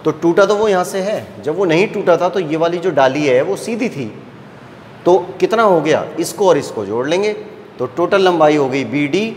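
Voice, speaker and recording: A man with a fairly high voice teaches maths at a board, working through each step slowly and patiently and checking again and again that his students are following. The long echo of the room hangs behind him, with a faint hum underneath. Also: animated. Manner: slow, patient explaining, often checking "है ना". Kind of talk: classroom lecture at a board. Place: classroom with a board.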